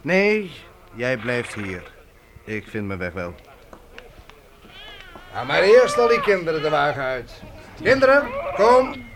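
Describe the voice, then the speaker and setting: A calm country doctor, slow and reassuring, lively pitch, noisy background, radio drama. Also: male voice, heavily acted. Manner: calm, reassuring, taking charge.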